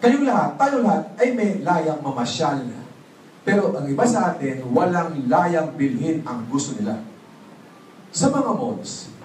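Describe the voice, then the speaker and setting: A man giving a motivational business seminar talk, prompting the audience to answer and mixing in English phrases. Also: high voice. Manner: animated, prompts audience call-and-response. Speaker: seminar speaker. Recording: echoey hall, voice from far off, faint noise.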